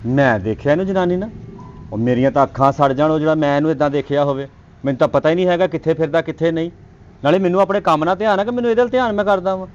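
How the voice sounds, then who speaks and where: A man's voice: a little high, very fast, a little mellow, lightly acted. A man playing a lying gossip who evasively protests his innocence, recorded with dull lo-fi sound. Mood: protesting. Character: lying gossip who sets the couple against each other.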